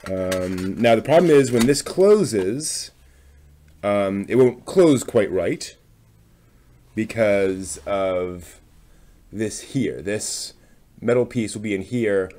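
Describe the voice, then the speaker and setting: This man's lowish voice is warm and expressive, moving at a slow pace with long pauses. As host of a live craft stream, he casually demonstrates something hands-on, thinking aloud in a tentative way and often trailing off.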